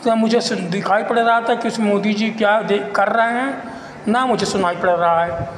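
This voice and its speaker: High-pitched man in an echoey room. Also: a bit bright. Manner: halting, repetitive, rambling. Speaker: local citizen giving his account. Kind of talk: informal spoken monologue of complaint and appeal. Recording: echoey reverberant room with faint noise.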